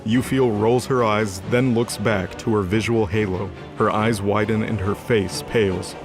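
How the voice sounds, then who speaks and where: This fantasy audio drama is narrated by a man whose voice is fairly low, steady and unhurried. He reads the scripted action with dramatic flair as music runs distinctly beneath him.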